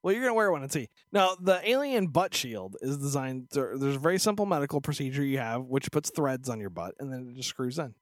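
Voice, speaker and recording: A man's voice: medium pitch, animated, brisk, hardly any pauses, dry recording, studio quality. A man co-hosting a podcast in casual, irreverent chat, joking crudely and acting out quotes. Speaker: podcast co-host.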